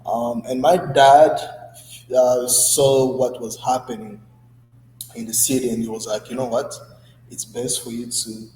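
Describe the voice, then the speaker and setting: A man in his twenties from the Democratic Republic of Congo, a guest in an interview, telling his story in a relaxed way with many fillers. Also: medium pitch, measured pace, echoey room, in a large hall, slight background noise, poor audio. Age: 20s. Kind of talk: conversational interview.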